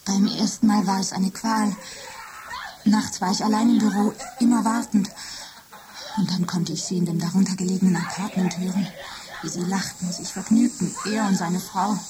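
A woman playing a lovesick, jealous female office computer in a radio drama, speaking softly and often in a whisper. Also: mid-range voice, steady tone, moderate pace, noisy background, natural voice. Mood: obsessive, tender. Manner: soft, intimate, often whispering. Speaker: computer character.

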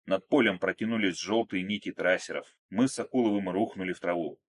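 A man narrating an action story in a steady, measured, dramatic reading. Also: low voice, husky. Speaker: audiobook narrator.

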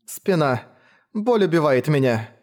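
Young woman hunter, voiced by a man: bold, coaxing, pitched up. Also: very animated, measured pace, darkish tone. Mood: pleading.

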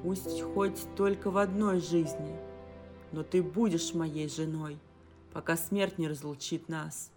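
A woman narrator plays a devoted male adviser, speaking firmly and tenderly to his wife. Her voice stays low and unhurried. Music plays clearly behind. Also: steady tone. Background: instrumental music.

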